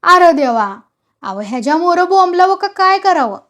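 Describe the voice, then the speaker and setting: A woman voicing a hot-tempered old village man with a shrill, shouting voice. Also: very animated, moderate pace, exaggerated voice. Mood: agitated.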